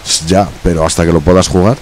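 Deep-voiced man streamer, teasing. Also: steady tone, fast talker, a little mellow. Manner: teasing, reads chat aloud. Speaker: streamer host. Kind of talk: casual chat while streaming.

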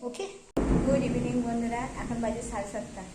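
A woman's voice: on the high side, steady tone, fairly quick. A middle-aged woman chatting casually in a home vlog, narrating her cooking and her day. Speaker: vlogger. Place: home kitchen. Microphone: handheld phone. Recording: echoey room with faint ambient noise.

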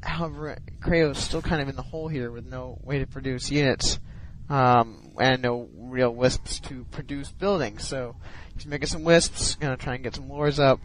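A man's voice: medium pitch, fairly even intonation, normal speed, few pauses, low-quality recording. A man giving casual commentary on a strategy game replay, sounding sleepy and hesitant, with many ums and restarts. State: sleepy, yawning.

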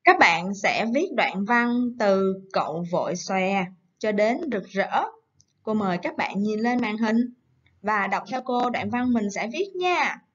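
A woman teacher giving a recorded lesson to young children, coaxing and gentle, slowing down to read words aloud. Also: medium pitch, expressive, highs cut off. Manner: gentle, coaxing, slow syllable-by-syllable dictation. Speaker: primary school teacher.

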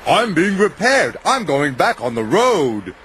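A man's voice: on the high side, big pitch swings, measured pace, a bit bright, slight background noise, pitched above the performer's own voice. A man voicing a boastful, grumpy male double-decker bus in a children's cartoon, with a whiny, cocky way of talking. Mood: eager.

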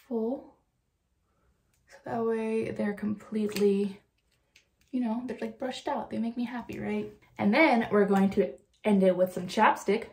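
A young adult woman vlogs her day, chatting to the viewer in a casual, filler-heavy way. Her voice is mid-range and a little mellow.

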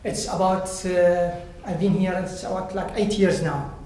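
A man from Iraq with an Iraqi Arabic accent gives personal testimony as a volunteer guest speaker, standing at a lectern in a bright indoor hall before a seated audience. He is halting, searching for words in non-native English, his voice high, steady and warm. The hall is very echoey, with faint background noise.

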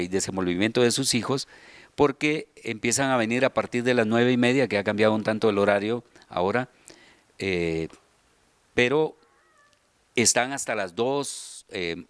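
A children's radio theater subdirector and voice announcer, middle-aged with a Guatemalan accent and a lowish voice, answers interview questions with explanations, often stopping to find the right words. He holds a handheld interview mic in a large indoor hall with a seated group, and no room sound comes through.

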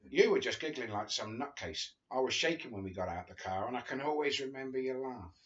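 This older man reads a friend's memoir aloud at home on his sofa, speaking to camera at medium pitch in an animated, brisk way. He adds chatty, chuckling asides between passages, and the recording has its highs cut off.

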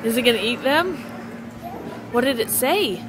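A woman's voice: on the high side, expressive, moderate pace, very noisy. A woman filming her children at home, chatting and teasing them with playful questions. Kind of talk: casual home video chat.

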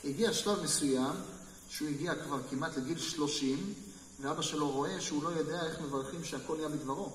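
A man, a rabbi, telling stories in a Torah class and asking the listeners questions as he goes. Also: a little high. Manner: lively storyteller, talks with listeners and asks them questions. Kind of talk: storytelling Torah lesson to a live group. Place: hall with a small live audience. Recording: echoey hall, mic far off, faint noise.

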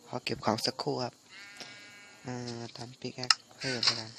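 Slow, halting man with a phlegmy voice. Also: mid-range voice, monotone, pushed and bright, slight background noise, poor audio. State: recovering from flu, phlegmy with coughs. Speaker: gaming channel host. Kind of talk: casual gameplay commentary.

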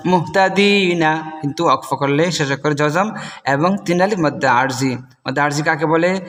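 A man with a Bangladeshi Bengali accent teaching Quranic recitation, spelling words out letter by letter and chanting the verses slowly. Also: a bit bright, in a large hall. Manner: slow and deliberate, chanting the verses higher and drawn out. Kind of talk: spelling out Quranic Arabic word by word.

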